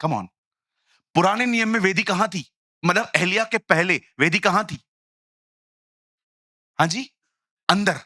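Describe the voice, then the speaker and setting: A man preaching a lively sermon in Hindi mixed with English phrases, telling stories and acting out the voices in them. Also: high voice, measured pace, pauses often, no echo, studio quality. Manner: animated storytelling, acts out quoted voices, jokey asides.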